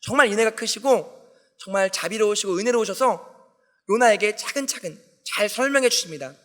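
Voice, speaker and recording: A man preaching a sermon as pastor, telling a story with lively acted-out dialogue. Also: high voice, fairly quick. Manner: animated storytelling, acting out quoted dialogue. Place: church sanctuary. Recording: long hall reverb.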